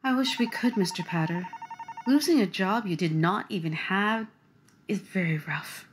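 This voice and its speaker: A woman with a medium-pitched voice speaks at normal speed, lightly acted, with slight background noise. Playing a harried director of policy taking calls from home, she's polite yet officious as she turns the caller down.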